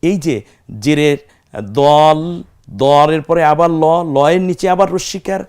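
A man's voice: on the high side, steady tone, normal speed, darkish tone, clear, resonant tone. A man teaching Quran recitation, explaining step by step and drawing out the Arabic syllables he demonstrates. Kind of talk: recitation lesson.

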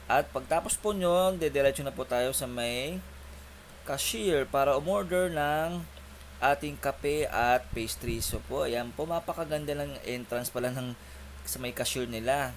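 This vlogger speaks a bit slowly in a mid-range voice, giving a friendly, courteous tour of a coffee shop. The walkthrough is shot on a handheld phone, and the cafe is noisy with air conditioning in the background.

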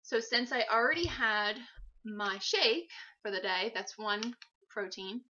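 A woman's voice: mid-range voice, measured pace, bright, forceful tone. A woman in her twenties chatting casually as she demonstrates something in her home kitchen, moving around as she talks. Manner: chatty and practical, moving around while explaining. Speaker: fitness vlogger. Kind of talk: casual how-to vlog. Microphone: camera mic from across the room. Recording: dull lo-fi camera audio.

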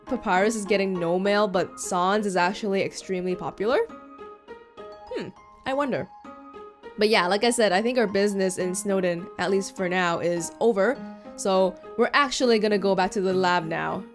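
A woman's voice: mid-range voice, moderate pace, soft background music. A young woman giving chatty, giggly commentary while playing a video game. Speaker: let's play host. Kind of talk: casual gameplay commentary.

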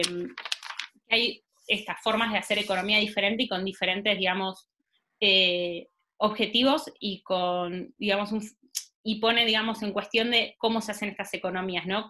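Leading a virtual workshop through her laptop microphone, this facilitator in her thirties speaks with an Argentine Spanish accent. Her medium-pitched voice is bright and forceful, and she works through ideas out loud with plenty of fillers and false starts.

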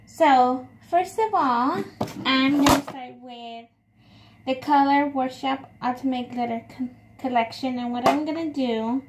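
In a casual makeup tutorial, a young adult beauty vlogger with a high voice narrates her actions hesitantly and keeps repeating herself. She records indoors in a small room at home on a phone set at arm's length, and faint background noise comes through.

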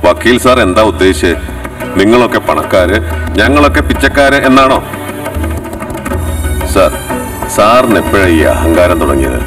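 A man's voice: lowish voice, very animated, normal speed, pauses often. An actor playing a proud, sarcastic middle-aged father from a middle-class home, in dubbed film dialogue. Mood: offended. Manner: touchy, sarcastic. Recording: distant mic, loud film music behind.

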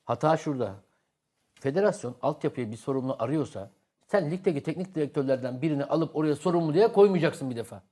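A man's voice: on the high side, expressive, fast talker, mellow. A man arguing bluntly and emphatically as a football pundit in a heated studio debate.

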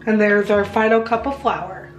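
Over background music, a home baking vlogger walks through a recipe in a chatty, instructive, step-by-step way. She is a young adult American woman with a medium-pitched voice, fairly even intonation, and a normal speaking speed. The audio carries the roomy echo of her indoor home kitchen.

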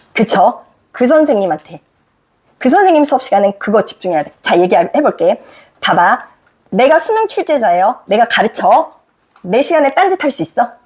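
Woman teacher, middle-aged, lively swooping pitch, raspy gravelly edge, emphatic scolding lecture. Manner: emphatic, scolding, rhetorical questions to students. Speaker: teacher giving advice to students. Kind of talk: direct lecture to the camera.

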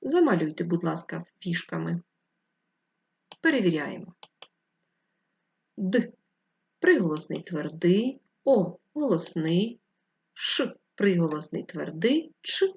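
A woman teacher giving a distance-learning lesson to first graders, dictating instructions slowly and clearly. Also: fairly low pitch, big pitch swings, highs cut off. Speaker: primary school teacher.

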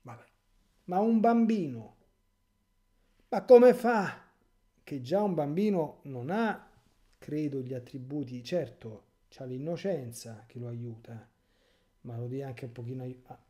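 A man's voice: mid-range voice, measured pace, dark tone. A man, a priest, giving a catechesis sermon in an impassioned, rhetorical way with sarcastic asides.

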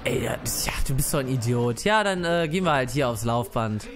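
A man's voice: medium pitch, lively intonation, brisk, music in the background. A man giving casual let's play commentary, brash and mocking, swearing at the game characters.

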